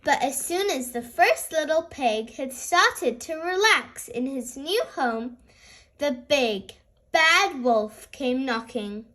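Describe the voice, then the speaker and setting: A woman who reads stories aloud for small children opens a storybook as though beginning a fairy tale. Her very high voice moves slowly with big, lively swings in pitch, and her sing-song, animated delivery is pitched at little listeners.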